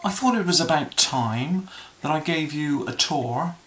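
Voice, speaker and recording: A man from Bristol with a Bristol accent, giving a tongue-in-cheek spoken tour in a mock-earnest, meandering way with frequent pauses. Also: a little high, expressive, a bit bright. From Bristol, England. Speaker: self-styled accent presenter. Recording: roomy echoey room.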